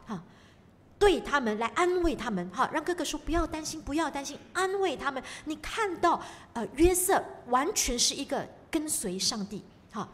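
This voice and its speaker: A woman preaching a sermon, emphatic and full of rhetorical questions. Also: high-pitched. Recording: long reverb of a hall.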